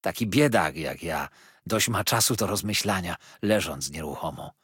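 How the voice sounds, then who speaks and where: A kindly old bedridden man, worn down by rheumatism, murmurs his fond, plaintive complaints, as a male narrator puts him on. The voice is low and husky. It is recorded dry and close. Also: animated, moderate pace, fairly bright tone, no room sound, heavily acted.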